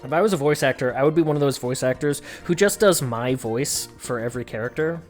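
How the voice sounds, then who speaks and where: A woman's voice: rumbling low, fairly quick, a little mellow. A woman streamer chatting casually and wryly while playing a game. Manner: wry, self-deprecating and chatty. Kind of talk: casual gameplay commentary. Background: faint game music.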